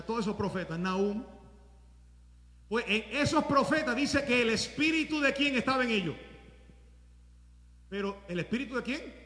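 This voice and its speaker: A man pastor preaching a sermon in a conversational way, at times rising to shouts. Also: sits high, echoey room, long reverb tail.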